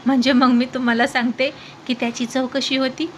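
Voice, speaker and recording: A woman's voice: high voice, little pitch movement, a little fast, lo-fi sound, a little hiss or hum, natural voice. A woman voicing a tipsy young wife who talks in a childish, pleading, petulant way in a storybook reading. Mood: drunk, whiny. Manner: sing-song, pleading, petulant. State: drunk. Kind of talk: storybook narration.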